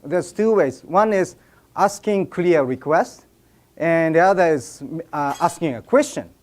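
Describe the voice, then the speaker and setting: A man's voice: fairly high pitch, lively intonation, measured pace. A man with a Japanese accent, a native Japanese speaker, giving a joking seminar talk and directing a live audience.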